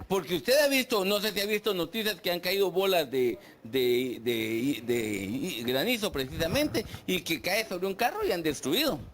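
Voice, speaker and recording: Lively high-voiced pastor preaching. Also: male voice. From Guatemala. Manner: animated preaching, asks the congregation questions, acts out complaints. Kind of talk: sermon. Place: church.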